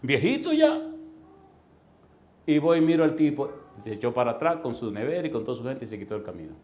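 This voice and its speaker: A man preaching a sermon as a pastor, telling stories animatedly and acting out voices and sounds, with forceful emphasis. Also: mid-range voice, lively intonation, rapid-fire, reverberant. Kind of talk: storytelling sermon.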